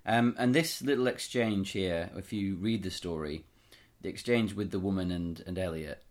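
A man's voice: sits low, moderate pace. A man co-hosting a podcast, chatting eagerly about horror stories, trailing off and quoting lines aloud. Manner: enthusiastic, trails off and restarts, quotes lines aloud. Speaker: podcast co-host. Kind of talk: casual chat about horror fiction.

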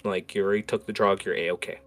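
A man working as game master, improvising narration for a tabletop game in a casual, halting way and prompting players. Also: sits low, flat delivery. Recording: music playing behind.

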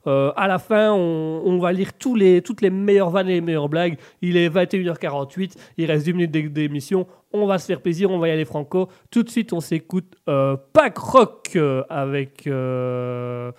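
Despite a cold that leaves him congested and stuffy, the man hosting this live radio and Twitch show stays upbeat, reading out viewers' chat comments and restarting frequently. His fairly high, darkish, smooth voice moves at a moderate pace with few pauses.

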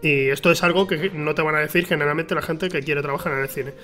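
A man with a Spain Spanish accent hosting a casual film chat, animated and opinionated, laughing often. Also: a little high, fast talker, faint music behind. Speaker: stream show host.

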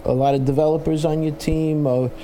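A man with a Brooklyn accent hosting a casual interview, enthusiastic but halting, often repeating his words. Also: fairly high pitch, level tone, dark tone, a little hiss or hum. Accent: Brooklyn, New York. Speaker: interviewer, host.

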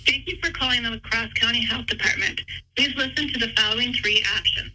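A man's voice: very high-pitched, steady tone, fairly quick, bright, forceful tone, a little hiss or hum, poor audio. A man's recorded voice on an automated phone menu, with stilted, evenly paced words that sound spliced together from separate clips.

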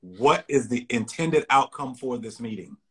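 A man with a slightly husky voice hosts a casual podcast conversation. He talks in an energetic, preachy motivational way, firing off rhetorical questions and pushing listeners to act. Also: medium pitch, measured pace. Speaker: podcast host.

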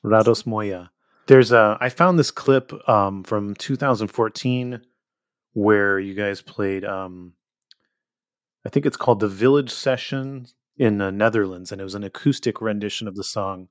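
A podcast host with a fairly low voice asks casual interview questions, following up with curiosity and using fillers. He speaks a little slowly. The audio is studio quality, with no room sound.

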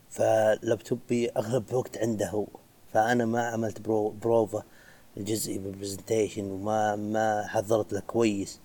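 A man's voice: on the low side, warm tone. A young man, a physiotherapy trainee giving casual advice and dropping in English phrases. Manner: chatty, mixes in English phrases.

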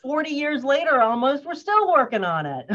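A woman's voice: sits high, big pitch swings, normal speed, fairly bright tone. Lady in her 50s chatting casually, stops and restarts a lot, muffled sound. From US, grew up in Cambridge, Massachusetts. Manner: thoughtful, loose, with many fillers and restarts. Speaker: guest, organizational wellness consultant. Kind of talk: casual interview talk.

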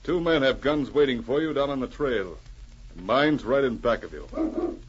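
An actor playing a heroic, commanding Mountie sergeant in an old-time radio drama, firm and authoritative. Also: male voice, mid-range voice, very animated, moderate pace, natural voice. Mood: triumphant, firm. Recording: muffled, hissy old radio recording.

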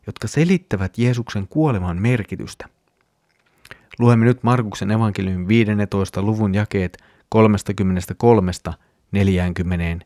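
Calm low-voiced man teaching scripture. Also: no room sound, clean studio sound. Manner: calm, measured reading and explanation. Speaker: Bible podcast host. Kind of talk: Bible reading and teaching podcast.

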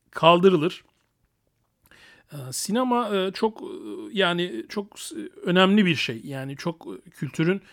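A man hosting an unscripted solo podcast, talking in a crude, boastful, joking way and often chuckling. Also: fairly high pitch. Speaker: podcast host.

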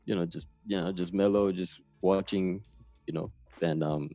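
A man's voice: sits low, fairly even intonation, moderate pace, dark tone, no room sound, faint music behind. A man in his thirties from Namibia with a Namibian accent, telling stories in a laid-back, rambling way during a casual conversation. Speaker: guest.

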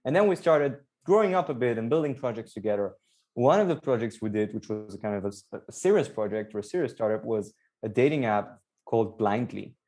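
On a casual podcast, a young co-founder of a Belgian startup speaks in an upbeat, animated way, going into long explanations full of fillers. His medium-pitched voice is a little fast and a little mellow.

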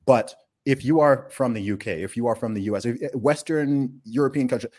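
A podcast host, born in the UK but raised in Saudi Arabia, speaks in a medium-pitched, slightly mellow voice at a fairly quick clip. In conversational style he makes emphatic, opinionated points, repeating words and tacking on checking tags.

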